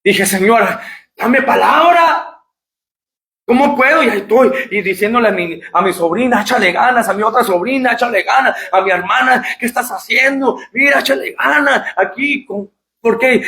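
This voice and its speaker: Pastor guy preaching hard, really high voice, big echoey church. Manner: impassioned preaching, shouting at peaks, repeating phrases. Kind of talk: sermon.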